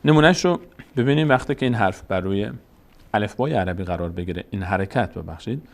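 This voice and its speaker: A man with a somewhat low voice gives a step-by-step Quran reading lesson in an Afghan Dari accent. He explains patiently, repeating terms and going through the alphabet one letter at a time. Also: expressive, creaky.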